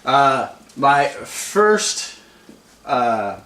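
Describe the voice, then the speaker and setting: A man's voice: medium pitch, sing-song, extremely slow, pushed and bright, echoey room, recorded from a distance. A man co-hosting a casual fantasy sports talk show, chatty and emphatic as he argues his point. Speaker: podcast co-host.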